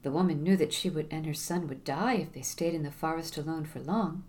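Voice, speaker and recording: A woman storyteller narrating a fable in a measured, expressive reading. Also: low-pitched.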